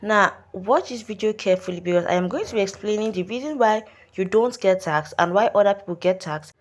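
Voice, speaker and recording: Speaking in a fairly low, darkish voice, a Nigerian woman leads viewers through an app one step at a time for her online earning tutorial. It's a voice-over in which she insistently repeats her warnings.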